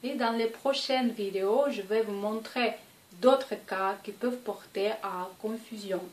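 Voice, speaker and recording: A woman's voice: mid-range voice, a little slow, recorded from a distance. A woman from Russia with a Russian accent, teaching a language lesson patiently and drawing out example sounds. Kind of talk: explanatory lesson. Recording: echoey room, voice off-mic, faint ambience.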